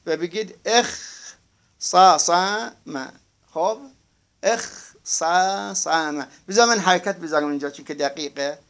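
A man teaching a grammar lesson to a class. His voice sits high and carries a gravelly edge, and he stretches out each word he spells while checking that his students follow along. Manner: slow, drawn-out spelling of words, asks class to confirm.

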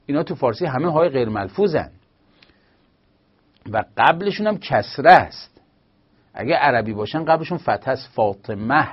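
A man teaches grammar in a patient, explanatory way, pausing now and then to find his words. His voice sits at an ordinary middle pitch. The recording is slightly dull and lo-fi. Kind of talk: grammar lesson.

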